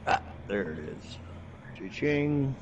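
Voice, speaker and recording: A man's voice: mid-range voice, very animated, takes it slowly, dull audio. A man chatting casually as a player in an online tabletop roleplaying game. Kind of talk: casual chat. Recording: faint background noise, online voice chat.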